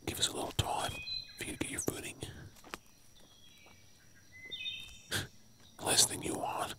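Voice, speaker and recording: Close to his everyday speaking voice, an Australian man whispers through an ASMR scenario as a tired, protective zombie-apocalypse survivor. His hushed delivery is urgent and coaxing, with a mood of gentle urging.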